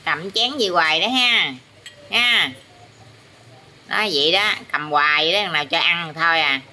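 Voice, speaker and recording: A woman's voice: on the low side, normal speed, pushed and bright, slight background noise. A woman with a Southern Vietnamese accent talking to her pet parrot, teasing it and asking it questions over and over. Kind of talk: casual talk to a pet.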